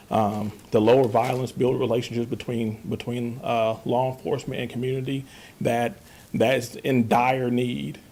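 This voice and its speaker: A man's voice: mid-range voice, vocal fry, dark tone, slightly rough. A man from Kansas giving public comment at a county budget hearing, earnest and pleading, stumbling through restarts and repeated words. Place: county meeting room.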